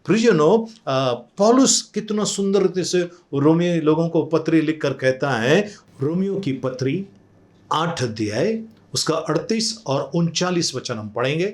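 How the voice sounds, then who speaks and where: A man's voice: fairly high pitch, lively intonation, a little slow. A male pastor preaching a fervent sermon at a church service, echoing each scripture phrase after it is read and dropping English words and praise exclamations into his talk.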